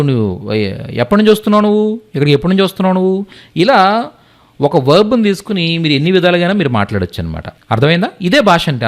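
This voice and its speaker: A man teaching a spoken language lesson, repeating example phrases and often checking that the learners follow. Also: a little high. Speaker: Hindi teacher. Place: teaching at a writing board.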